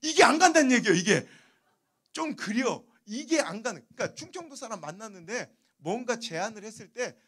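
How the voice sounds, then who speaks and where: A man from Chungcheong preaching a revival sermon, telling stories in an animated, humorous way. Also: extremely high pitch, fast talker, hardly any pauses, husky. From Chungcheong, Korea. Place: church sanctuary.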